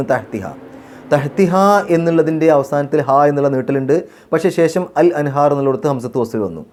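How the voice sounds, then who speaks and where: Slow, melodic chanting of verses opens this tajweed class led by a male Quran teacher from Kerala, India. His mid-range voice turns calm as he explains recitation rules step by step, modeling pronunciation by repeating phrases.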